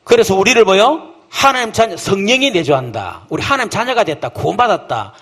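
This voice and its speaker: Lively husky-voiced preaching pastor. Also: male voice, sits high, a little fast. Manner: lively, folksy preaching with rhetorical questions; acts out quoted voices of believers and children. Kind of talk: sermon. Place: church camp hall.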